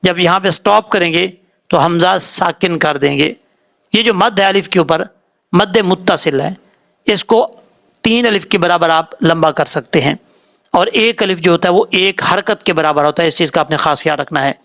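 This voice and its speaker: A man with a Pakistani Urdu accent teaching Quran recitation word by word. He spells out letters and vowel marks slowly, then explains the rules quickly. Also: high-pitched, gravelly, a bit bright.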